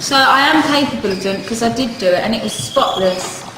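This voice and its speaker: A woman's voice: fairly high pitch, fairly quick. A woman bickering with her husband at home, insistent and defensive, with a teasing edge. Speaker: reality show participant. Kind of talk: casual domestic bickering. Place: home kitchen. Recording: echoey noisy kitchen.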